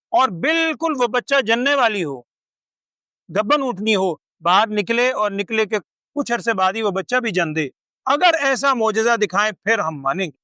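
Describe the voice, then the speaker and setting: High, bright-voiced older man teaching. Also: smooth, no room sound, studio quality. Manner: explains slowly, recites verses in Arabic, asks rhetorical questions. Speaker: Quran teacher. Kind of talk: Quran commentary lecture. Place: lecture with a seated audience.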